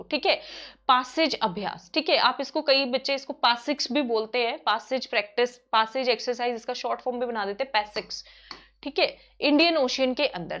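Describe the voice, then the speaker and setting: A woman teaching an online exam-prep quiz lesson, talking briskly and repeating key answers with frequent check-ins to her students. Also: on the high side, fairly bright tone. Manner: brisk and repetitive, often checking in with "theek hai".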